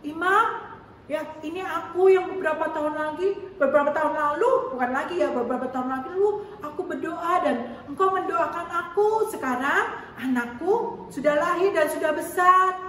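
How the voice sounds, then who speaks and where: A woman's voice: extremely high pitch, moderate pace, fairly bright tone. A woman voicing a young mother who begs in tearful prayer for a child, telling a children's Bible story. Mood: pleading. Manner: earnest, pleading, on the verge of tears. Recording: very echoey room, distant mic, faint noise.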